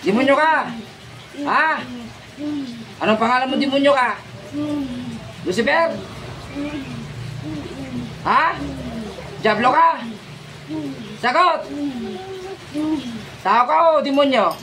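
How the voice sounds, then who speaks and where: A woman's voice: sits high, expressive, takes it slowly, long pauses. A woman folk healer leading a healing ritual, chanting prayers and then taunting and demanding answers in a commanding way. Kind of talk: healing ritual incantation and confrontation. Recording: noisy background.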